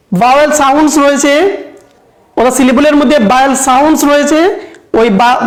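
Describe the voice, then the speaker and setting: A woman teaches an English class, chanting rhyme lines in a slow, drawn-out way. Her voice sits high, and the recording rings with room echo. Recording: echoey room.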